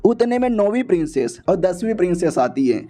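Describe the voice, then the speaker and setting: A man retells a story in a chatty, conversational way. His voice sits high and sounds mellow and soft. He keeps it casual, like talking to friends. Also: sing-song, brisk. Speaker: story explainer.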